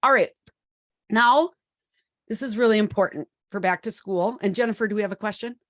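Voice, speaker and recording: An upbeat, chatty woman in her forties hosts a live webinar, talking into her computer microphone with lots of ums and fillers. Her mid-range voice moves fairly quickly, and the studio-quality audio has no room sound.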